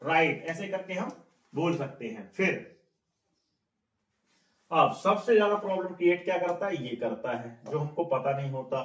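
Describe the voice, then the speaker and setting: High-pitched guy teaching english vocab, keeps repeating words and asking "what do we say?", roomy echo. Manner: repeats words and quizzes the listener. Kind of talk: spoken English lesson. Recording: echoey room, mic at a distance.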